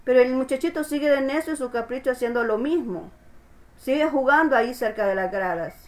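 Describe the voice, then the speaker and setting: A woman pastor delivers a sermon in a fairly high voice. She preaches emphatically, repeats her phrases and keeps checking that her listeners follow along. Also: brisk.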